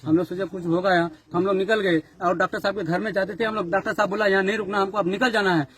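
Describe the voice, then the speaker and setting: A man's voice: sits high, steady tone, rapid-fire. A man telling an interviewer outdoors, urgently and repetitively, how his group was attacked. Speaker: party worker describing an attack. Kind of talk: agitated street interview account. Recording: loud crowd behind.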